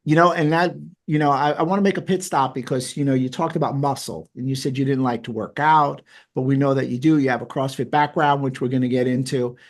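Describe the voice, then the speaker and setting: A man's voice: medium pitch, fairly even intonation, brisk, hardly any pauses. A man with a New York accent hosting an interview, chatty and jokey with enthusiastic asides. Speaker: podcast host. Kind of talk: casual interview.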